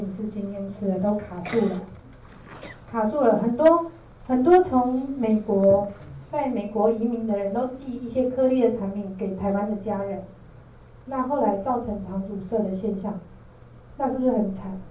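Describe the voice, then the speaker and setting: A woman with a Taiwanese Mandarin accent gives an informal training lecture, explaining things step by step and checking in with her listeners. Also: mid-range voice. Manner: explanatory, often checks with listeners using tag questions. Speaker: product trainer, presenter. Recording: roomy echo, distant mic, dull, faint noise.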